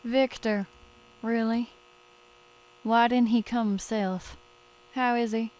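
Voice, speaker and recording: Weary, kindly female ex-nurse played by a woman: unhurried, slightly high voice, long-suffering animated fan-dub delivery. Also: rough recording. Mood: measured, subdued. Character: gentle, weary woman, former wartime nurse.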